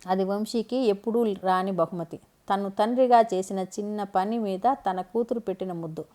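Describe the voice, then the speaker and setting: A woman reading a scripted family story aloud in a calm, even way. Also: medium pitch, moderate pace.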